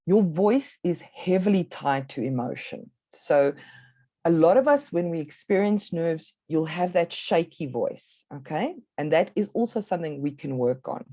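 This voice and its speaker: A South African woman giving a workshop presentation, measured and instructive, stressing key words clearly. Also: fairly low pitch, animated, warm tone, no room sound, dull audio.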